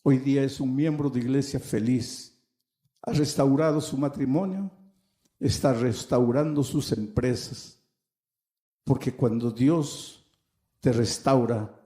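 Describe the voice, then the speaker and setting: Slow, dark-voiced man preaching in an echoey hall. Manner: dramatic, swelling into high emphatic peaks and slow deliberate phrases. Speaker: pastor. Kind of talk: sermon.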